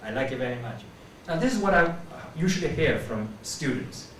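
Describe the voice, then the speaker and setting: A man teaching pronunciation, explaining each sound and slowly repeating example words to demonstrate it. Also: mid-range voice, expressive. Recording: echoey room, voice from a distance, faint background hum.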